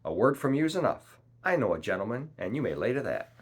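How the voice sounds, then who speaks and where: A man's voice: on the low side, animated, moderate pace. A man voicing a wily one-legged old pirate cook with a hearty, wheedling, mock-respectful manner. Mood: cheery.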